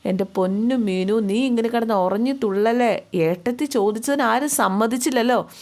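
A woman's voice: fairly high pitch, normal speed, a little mellow, natural voice. A woman voicing a patient young husband who coaxes and placates his angry wife. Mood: soothing. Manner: coaxing, placating.

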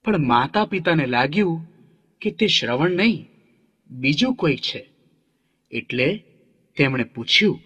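A man narrating a children's story gently, now and then asking the young listeners questions. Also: a little high, lively intonation, measured pace, pauses often, husky. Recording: long reverb hall.

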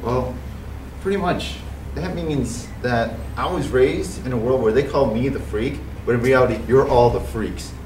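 A man's voice: medium pitch, unhurried, a little mellow, natural voice. A man in an amateur film playing a rude, bigoted, sarcastic office boss with a mocking, dismissive manner. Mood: contemptuous. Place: small office, some outdoors. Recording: roomy, noisy camera sound from far off.

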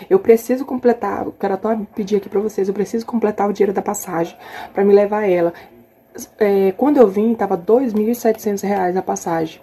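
A woman's voice: mid-range voice, warm tone, slight background noise. A middle-aged woman from Acre, Brazil, with an Acre accent, telling her followers a personal story in an agitated, heated and repetitive way. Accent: Brazilian Portuguese, Acre. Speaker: journalist and mother. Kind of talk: emotional personal account to followers.

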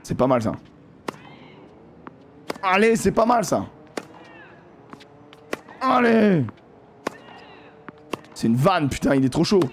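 Excitable guy narrating his own tennis game live, voice jumping all over, swears a lot, faint hiss behind. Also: high-pitched, slow, long pauses. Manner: excitable, swears often, repeats exclamations; addresses viewers directly. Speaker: gaming video host. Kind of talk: live gameplay commentary.

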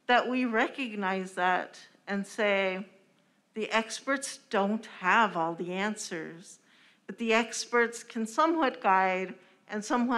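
Female panelist, talking through a fabric mask; very measured, slow delivery into a table microphone. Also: mid-range voice, a bit bright. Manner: speaking through a cloth face mask; deliberate, measured phrasing. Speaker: panel speaker, scholar. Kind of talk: reflective panel discussion. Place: large event room, indoors. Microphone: microphone on a table stand.

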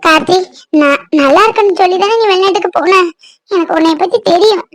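Kind young village girl in a cartoon, high voice, calm reassuring talk. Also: fairly quick, rough recording. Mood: wistful. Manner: confiding, gently reassuring. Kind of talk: cartoon voice acting.

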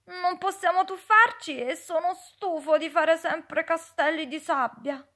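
A woman doing a lively little boy in a storybook, very high and bright, calling out eagerly to his friends. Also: measured pace, heavily acted. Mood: bored. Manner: eager, exclaiming. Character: excited young boy at the beach.

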